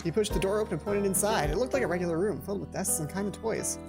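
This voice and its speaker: Very fast, high-pitched and gravelly, this young adult reads a visual novel aloud for a let's play while adding casual remarks. Game music plays behind him in a small indoor room at home.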